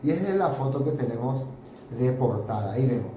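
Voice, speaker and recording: A man leads a relaxed Bible study, talking through pictures with plenty of hesitant fillers. His voice sits at an ordinary middle pitch. The room is echoey, with steady noise behind him. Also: a little fast. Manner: conversational, hesitant fillers, points at pictures while explaining. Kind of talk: informal Bible study teaching. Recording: roomy echo with steady background noise.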